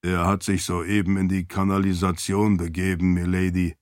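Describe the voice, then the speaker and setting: A dutiful, formal light-spirit servant, as a man voices him in a storybook reading. He speaks low and measured, with stiff, deferential politeness. The sound is dry and close. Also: flat delivery, no echo, natural voice. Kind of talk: audiobook character voice.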